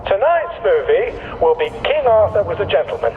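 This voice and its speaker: High-voiced loudspeaker announcer. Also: male voice, sing-song, moderate pace, phone-quality sound, slight background noise. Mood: official. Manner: formal, clipped announcements. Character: male military base loudspeaker announcer. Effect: base loudspeaker announcement. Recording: distant speaker over game music.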